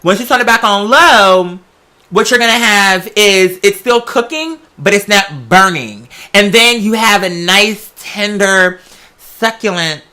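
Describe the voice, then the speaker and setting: Animated yet unhurried, this mid-range, sharp-toned voice carries a casual vlog monologue. The American creator meanders and digresses, camping it up with theatrical sass and plenty of drag slang.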